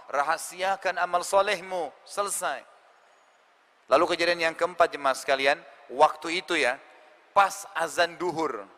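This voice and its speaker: A man preaching a storytelling sermon to a congregation, emphatic and lively, asking his listeners questions. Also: fairly high pitch, big-room sound.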